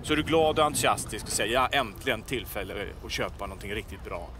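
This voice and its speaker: A man acting out a foul-mouthed, cocky street peddler who barks his pitch. He curses nonstop and brags without pause, in a lowish voice. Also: lively intonation, distant mic, background noise, close to an everyday voice. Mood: pushy salesman. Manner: swears constantly, brash and boastful. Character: crude boastful male wannabe musician and salesman. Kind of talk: sketch comedy acting.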